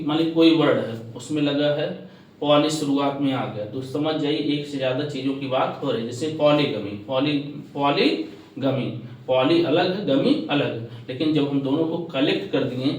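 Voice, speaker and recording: A male teacher lectures a class in a slightly high voice. He poses questions, answers them himself and repeats the key terms. He is heard from a distance in a very echoey classroom. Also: a little mellow. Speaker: English teacher.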